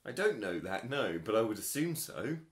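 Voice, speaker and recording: A man's voice: lowish voice, sing-song, normal speed. A man co-hosting a casual film podcast, teasing, laughing often and arguing his points. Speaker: podcast co-host.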